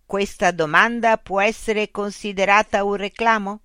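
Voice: mid-range voice, steady tone, moderate pace, bright, forceful tone, clean tone, dry recording, studio quality, voice pushed up, natural voice. A narrator voicing a cold bureaucratic machine information unit that recites rules in a rigid, officious way. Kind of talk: audiobook character voice.

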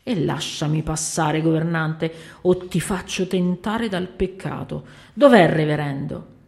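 A woman voicing a brash, bearded male porter who talks loud, teasing and impudent. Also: sits low, a little slow, vocal fry. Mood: cheeky.

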